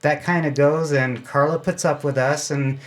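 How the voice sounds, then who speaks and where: On the high side and fairly even in intonation, an American man speaks at a moderate pace as a guest from an amateur radio club. In the interview he explains things informally, plainly, and anecdotally.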